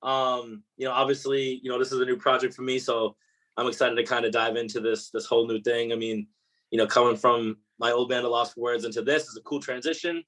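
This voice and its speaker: A man guesting on a podcast as a musician, relaxed and casual, sprinkling in "you know". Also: mid-range voice, fairly quick. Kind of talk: casual interview chat.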